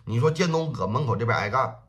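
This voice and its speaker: Man, livestream storyteller, animated pitch, bright tone. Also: fast. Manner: vivid, punchy sound-effect narration.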